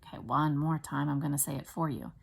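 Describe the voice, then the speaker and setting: A woman's voice: low-pitched, steady tone, creaky, breathy edge. A woman teaching first graders, dictating spelling sentences word by word with lots of ums. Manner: slow, deliberate dictation with many ums. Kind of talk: spelling dictation lesson for children.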